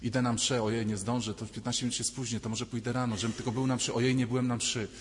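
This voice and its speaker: A man's voice: mid-range voice, little pitch movement, quick pace, a little hiss or hum. Man preaching in a reverberant church. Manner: conversational, acting out quoted voices. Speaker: priest. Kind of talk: sermon.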